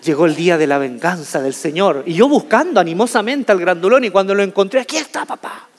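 A man telling a humorous personal story to an audience as a motivational speaker, in an animated, jokey way, stretching out key words. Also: high voice, quick pace. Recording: reverberant hall.

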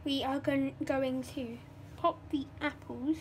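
A woman's voice: high voice, steady tone, takes it slowly, a little hiss or hum. A young woman chatting through a casual cooking vlog at home, rambling and correcting herself as she goes. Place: home kitchen.

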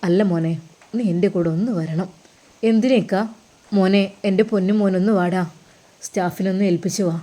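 A woman's voice: medium pitch, fairly even intonation, moderate pace, pauses often, warm tone, natural voice. A woman voicing a remorseful older brother who pleads through tears. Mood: pleading, tearful. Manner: pleading, broken and tearful. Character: remorseful middle-aged man, older brother, weeping.

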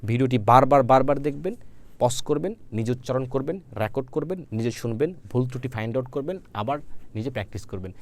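A man's voice: medium pitch, a little fast. A man teaching Arabic to Bengali speakers, repeating each phrase several times and then explaining it in Bengali with a Bangladeshi accent. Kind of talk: language lesson with drilled repetition.

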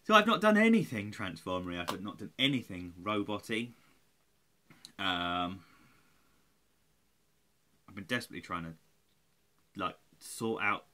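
A fortyish man records a vlog on his webcam in a small room at home, close to the mic, sounding tired and rambling as he swears and pokes fun at himself. His lowish voice is animated and sharp in tone, and he takes his time, pausing often.

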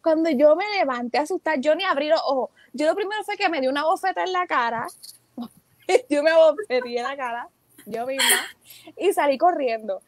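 A woman's voice: sits high, lively intonation, moderate pace, no echo. A young adult woman, a teacher and entrepreneur, telling stories as a guest in a casual interview and acting out her own quoted thoughts.

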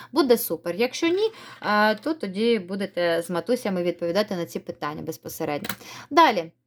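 Woman teacher talking to kids on a recorded lesson, friendly, says each word nice and clear. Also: medium pitch. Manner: slow, clear word-by-word dictation; friendly, encouraging instructions. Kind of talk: recorded reading lesson for children.

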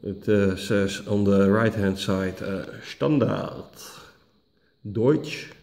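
A man with a fairly low, creaky, somewhat mellow voice hosts a tech tutorial, slowly showing how to reset a tablet screen by screen. His first language is not English and seems to be Dutch. He never rushes, leans heavily on "uh", and keeps restarting and correcting himself, recorded indoors at his dining room table on a camera mic.

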